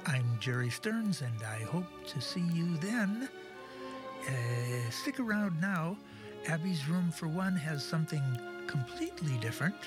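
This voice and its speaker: A man's voice: fairly high pitch, expressive, measured pace, low-quality recording. A man presenting as the host of a radio show. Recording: clear music behind the voice.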